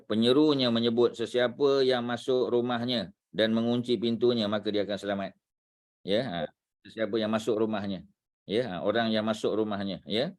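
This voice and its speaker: This low-leaning male voice belongs to a religious instructor who speaks unhurriedly, groping for words aloud and filling gaps with frequent fillers.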